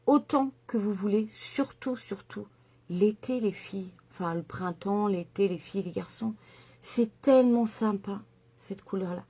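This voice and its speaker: A woman's voice: mid-range voice, unhurried, dark tone, slightly rough. A middle-aged woman chatting enthusiastically through a makeup tutorial, with lots of fillers and asides. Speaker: makeup vlogger.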